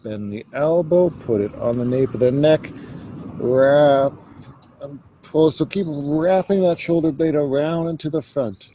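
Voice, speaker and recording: A man leading a yoga class, calmly cueing each stretch step by step. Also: fairly high pitch, slight background noise. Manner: slow, calm cueing of stretches. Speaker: yoga teacher. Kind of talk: guided yoga instruction.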